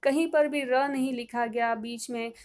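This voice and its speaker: A woman's voice: a little high, steady tone, measured pace, a little mellow. A middle-aged woman teacher giving a patient lesson, repeating key points and drawing out sounds as examples. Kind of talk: classroom lesson explanation.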